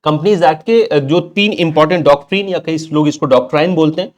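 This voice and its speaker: Chatty teacher, slightly high voice. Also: male voice, a little fast. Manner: chatty, repeats points and checks in with students. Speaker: exam prep teacher. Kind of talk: online banking law lecture.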